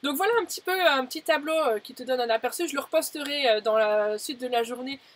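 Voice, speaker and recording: A woman teaching German in a live lesson, chatty and full of fillers, slowing down carefully on each example phrase. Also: sits high. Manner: chatty, many "euh" fillers, slows down to model German phrases. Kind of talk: live-streamed language lesson.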